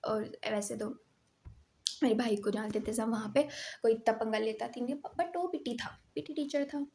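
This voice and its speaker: A young woman telling a personal story in a casual, emphatic, animated way. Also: on the high side, normal speed, vocal fry, slight background noise.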